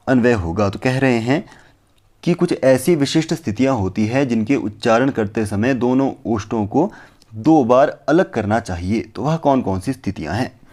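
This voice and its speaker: A man's voice: mid-range voice, darkish tone. Man explaining Sanskrit phonetics step by step. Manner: explains step by step, repeating and asking himself questions; recites Sanskrit verses slowly. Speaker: Sanskrit teacher.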